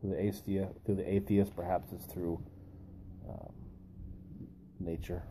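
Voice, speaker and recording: A man speaks in a low, level, mellow voice as a video host, musing haltingly with long pauses through a reflective philosophical monologue while holding a pipe in his mouth. There is slight background noise.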